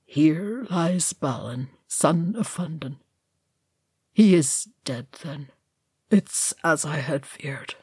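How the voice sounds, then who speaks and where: A woman's voice: low voice, expressive, slow, darkish tone, slightly rough, no echo, studio quality, full character voice. A woman voicing an old male wizard who speaks in a heavy, subdued voice. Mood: sorrowful.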